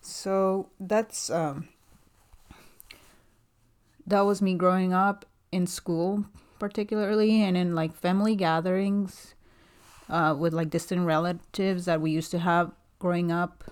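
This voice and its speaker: Soft-spoken hesitant woman in her thirties. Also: lowish voice, steady tone, measured pace, clear, resonant tone. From Guatemala. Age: 30s. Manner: soft-spoken, hesitant, many fillers and restarts. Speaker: podcast host. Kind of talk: casual solo podcast monologue.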